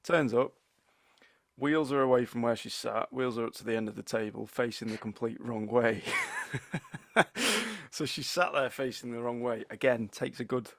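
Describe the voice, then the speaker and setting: Gravelly young man telling a story. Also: mid-range voice, steady tone, normal speed, pauses often, no room sound, studio quality. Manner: laughing, wry storyteller. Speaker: podcast co-host. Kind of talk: casual storytelling chat.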